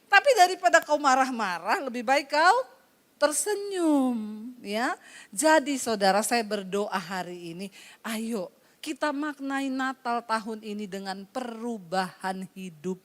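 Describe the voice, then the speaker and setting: A woman pastor preaching at a church service, telling animated stories, acting out the people in them and laughing often. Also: a little high, a little slow, pauses often. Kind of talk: sermon.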